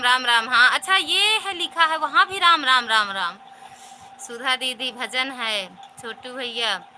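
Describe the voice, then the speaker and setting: Hosting a live stream, this woman reads viewers' comments aloud and thanks them one by one, her greetings warm, casual, and repetitive. She speaks in a high voice with a rural north Indian Hindi accent, captured in a low-quality recording with slight background noise.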